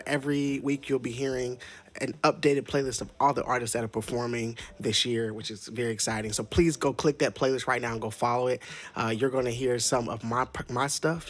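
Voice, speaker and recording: A man's voice: mid-range voice, little pitch movement, a little fast. A man hosting a live music stream, chatting casually in an earnest, rambling way. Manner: earnest and rambling, with many restarts. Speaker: show host and singer.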